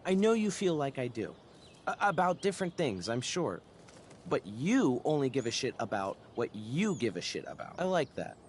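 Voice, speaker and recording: A man plays a young student activist in a video game, earnest and righteous. His delivery is preachy and emphatic, with a pitch that swings widely. Faint outdoor ambience sits behind the voice. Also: big pitch swings, moderate pace, a little hiss or hum, natural voice. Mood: impassioned.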